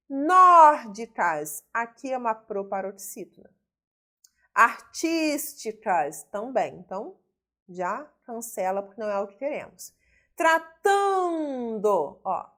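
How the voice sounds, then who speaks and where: A Brazilian woman teaching a grammar lesson, stretching out words one at a time before quick, clipped verdicts. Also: a little high, fairly bright tone. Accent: Brazilian Portuguese. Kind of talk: grammar lesson solving exam questions.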